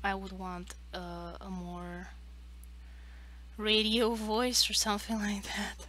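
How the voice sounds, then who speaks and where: A woman's voice: medium pitch, flat delivery, slow, sharp tone, a little hiss or hum. A woman in her late twenties chatting casually on a livestream, hesitant and rambling as she talks. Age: late 20s. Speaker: streamer and artist.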